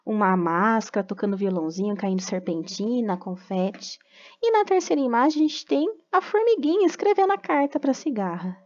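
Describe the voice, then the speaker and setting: A woman's voice: mid-range voice, animated, moderate pace, darkish tone, muffled recording. A woman from Brazil teaching a remote class, patiently explaining step by step and checking in with tag questions.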